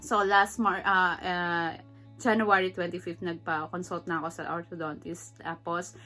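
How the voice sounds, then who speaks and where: A woman's voice: on the low side, little pitch movement, unhurried, pushed and bright, soft background music. Chatty middle-aged woman vlogger. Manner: chatty and emotional, mixing English into Tagalog, laughing often. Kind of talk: casual personal vlog.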